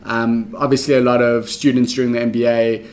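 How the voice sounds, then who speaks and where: A young adult man with a South African accent, a guest in a conversational interview, explaining his career path in a measured, methodical way with frequent ums. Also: medium pitch, flat delivery, a little mellow.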